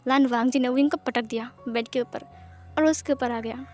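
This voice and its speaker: High-voiced woman narrating a romance story. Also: steady tone, normal speed, a little mellow, faint music behind. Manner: simple, chatty narration with asides to listeners. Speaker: fan-fiction narrator.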